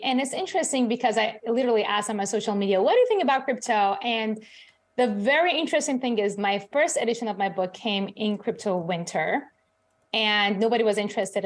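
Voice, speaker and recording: Woman, middle-aged, from Iran, chatty, fast, filler-heavy, live interview guest. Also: medium pitch. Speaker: guest, crypto author and CEO.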